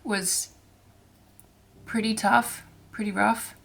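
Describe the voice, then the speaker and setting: A cross-stitch vlogger hosts her own crafting channel, chatting casually in a medium-pitched, steady voice. Her throat is irritated, leaving her hoarse and raspy, and she speaks softly and haltingly, often starting over.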